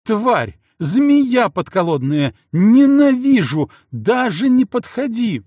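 A man's voice: slow, gravelly, breathy edge, no room sound, clean studio sound, exaggerated voice. A man voicing a furious jealous princess who screams insults at her husband. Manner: screaming insults, shrill and frantic. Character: furious jealous young princess, shrieking wife.

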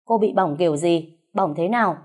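A stern, irritable husband barks short scolding questions, as a woman reader puts him on. The voice stays lowish and mellow. It is an audiobook story reading. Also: normal speed, close to an everyday voice. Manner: curt, scolding.

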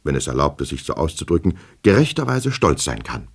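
Give me a man voicing a jittery official who stumbles over his words, husky. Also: very deep voice, sing-song, a little fast, heavily acted. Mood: pleading. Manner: stammering, pleading, rambling. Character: nervous, fawning male official, anxious and flustered. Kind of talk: audiobook character reading.

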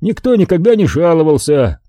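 A man's voice: a little high, very animated, brisk, dark tone, dry recording, pitched above the performer's own voice. A man voicing an easygoing, chatty older café owner, wheedling and jokey, in an audiobook. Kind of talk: audiobook character voice.

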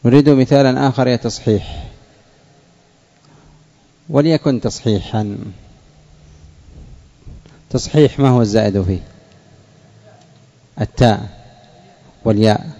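A man teaching a classroom lesson, slow and deliberate, repeating key words and questioning his students. His voice is dark and gravelly. The recording is dull and lo-fi. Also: mid-range voice. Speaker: sheikh teaching Arabic morphology.

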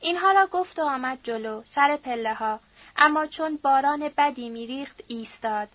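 A woman narrating a novel in a steady, dramatic storytelling manner. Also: high-pitched, dry recording, dull audio. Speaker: audiobook narrator. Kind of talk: literary narration.

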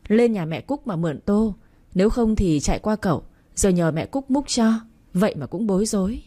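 A woman's voice: mid-range voice, lively intonation, brisk, warm tone, lightly acted. Woman reading as a joking uncle. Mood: teasing. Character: teasing, caring adult man, uncle figure.

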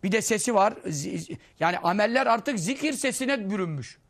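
A man giving a conversational religious lesson, telling anecdotes and acting out the people he quotes. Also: brisk. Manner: storytelling, acting out quoted voices, lively swings in pitch and loudness. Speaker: Islamic preacher teaching hadith.

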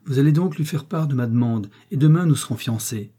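Domineering prince voiced by a man, cutting ironic tone, dark tone, storybook reading. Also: mid-range voice, a little fast, husky, close to an everyday voice. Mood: cold, commanding. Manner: commanding, cutting and sarcastic. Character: haughty domineering male prince, coldly ironic.

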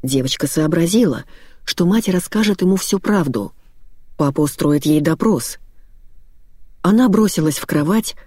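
A narrator reading a dark dramatic story in a steady storytelling voice. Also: mid-range voice, slightly rough, dry recording, studio quality. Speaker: audiobook narrator.

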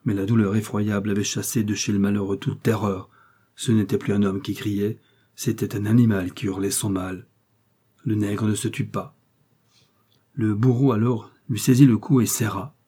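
A man narrating a novel in a measured, dramatic manner. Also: fairly low pitch, little pitch movement, mellow, breathy edge. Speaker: audiobook narrator.

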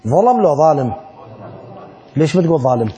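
In a very animated, slightly high, mellow voice and at a somewhat fast pace, a middle-aged man with an Iraqi Arabic accent leads a lesson on Islamic law. He asks the class rhetorical questions and plays out little dialogues for them.

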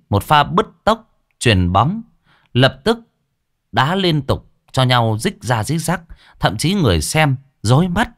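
A man's voice: medium pitch, no room sound, clean studio sound. A man narrating an audio story in a dramatic, earthy, colloquial way.

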